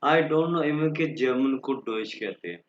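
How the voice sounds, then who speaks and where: A man whose first language is Urdu, teaching a German class online and slowly drilling the alphabet for students to repeat. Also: mid-range voice, reverberant, lo-fi sound, a little hiss or hum. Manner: slow, patient, drills letters aloud for students to repeat.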